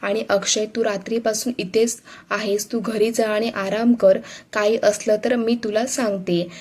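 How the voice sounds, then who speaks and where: A woman voicing a calm, caring middle-aged mother, read plainly in a storybook manner. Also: medium pitch, unhurried, natural voice. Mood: concerned.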